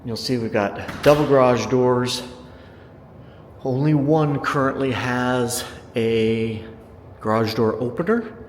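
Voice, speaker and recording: American man, enthusiastic realtor, mid-pitched voice, casual house-tour narration with salesy emphasis on features. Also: steady tone, takes it slowly, a little hiss or hum. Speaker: real estate agent giving a home tour. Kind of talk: casual walk-through tour narration to viewers. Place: inside a house, walking room to room.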